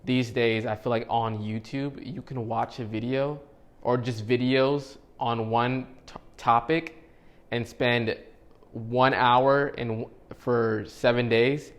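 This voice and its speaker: A man's voice: mid-range voice, steady tone, takes it slowly. A man of thirty-one giving a casual, rambling motivational talk to camera as a vlogger, with many fillers and restarts. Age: 30s.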